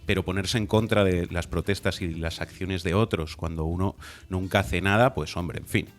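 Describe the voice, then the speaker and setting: Deep-voiced critical man. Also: steady tone, normal speed. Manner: critical, argumentative. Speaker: regular commentator. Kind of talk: political talk show commentary.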